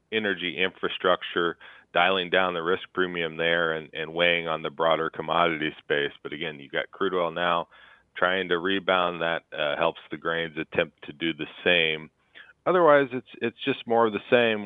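A man giving market commentary over a phone line in a measured, analytical way. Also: low voice, clear, resonant tone, no echo.

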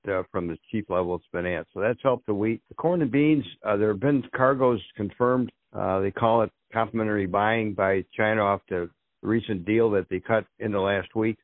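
A man talks through grain prices on a telephone line, his lowish voice thin and boxy. The line is dry, with no room sound. He speaks in halting bursts, restarting phrases and leaning on uh. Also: dry recording. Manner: halting, with many uh fillers and restarts. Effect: heard over the phone. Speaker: grain market analyst. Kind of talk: market commentary on a phone interview. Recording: tinny, dry phone line.

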